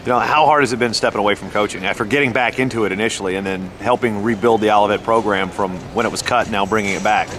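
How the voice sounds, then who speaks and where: A man's voice: on the low side, steady tone, quick pace, hardly any pauses, crowd noise. A man conducting a conversational sports interview on site, putting questions to his guest. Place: at a championship venue.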